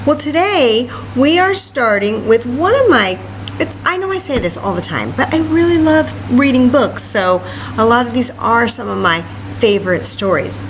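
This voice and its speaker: On a poor, slightly hissy recording, a woman with a high-ish, animated voice hosts sing-song story time for young children at a moderate pace. She chats, sings and reads aloud, encouraging the kids directly with frequent asides.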